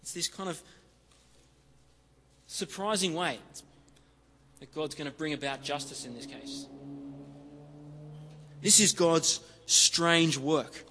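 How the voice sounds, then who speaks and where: A man delivers a sermon in a chatty, easygoing way and leans on repetition to drive his points home. His voice sits fairly high for a man. It rings out with the long reverb of a large hall. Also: slow, long pauses, bright, forceful tone, a little hiss or hum. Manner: conversational, leans on "kinda" and repeats for emphasis. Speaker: preacher. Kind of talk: expository sermon.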